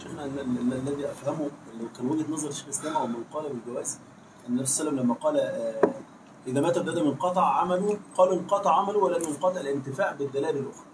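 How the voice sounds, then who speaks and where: Student guy chiming in from the crowd, quick and stumbling, highish voice, lots of people around. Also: poor audio. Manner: hesitant, restarts as he explains. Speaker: student asking the teacher. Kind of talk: question in a religious lesson.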